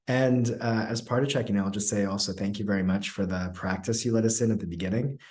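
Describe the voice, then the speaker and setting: A man facilitating an online session, speaking in a relaxed way with many fillers and pauses over a video call. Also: lowish voice. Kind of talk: online webinar talk.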